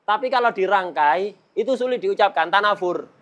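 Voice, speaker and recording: A middle-aged male religious teacher lectures a class in a loose, joking tone. His voice sits a little higher than most men's, and Arabic terms run through his everyday talk. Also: normal speed, fairly bright tone.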